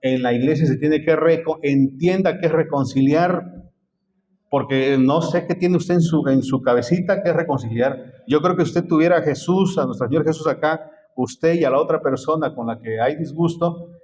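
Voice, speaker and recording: A man's voice: fairly high pitch, moderate pace, a little mellow, low-quality recording. A man preaching a sermon as pastor, often stopping to quiz the congregation with repeated questions.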